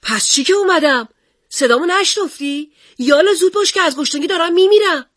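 A woman voicing her young schoolboy son, rude and impatient, who shouts his demands. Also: very high voice, dry recording, clean studio sound, voice pushed up. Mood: impatient shouting.

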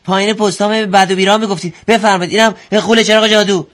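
A man's voice: high voice, fairly even intonation, fairly bright tone. A man doing a whiny young influencer. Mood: showing off. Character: lazy young male social-media influencer.

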